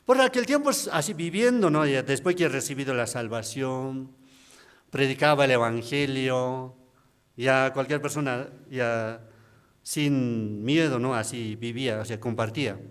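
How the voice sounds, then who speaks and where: A man's voice: a little slow, clear, resonant tone. A man, a deacon giving a personal testimony at a prayer service in a chatty storytelling way, often tagging his sentences with a questioning "no?". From Bolivia. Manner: conversational storytelling, frequent tag questions, pitch jumps when quoting others.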